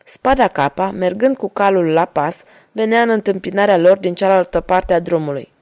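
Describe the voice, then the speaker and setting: A woman narrating an adventure novel chapter in a steady, measured storytelling voice. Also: mid-range voice. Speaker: audiobook narrator. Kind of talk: scripted narration.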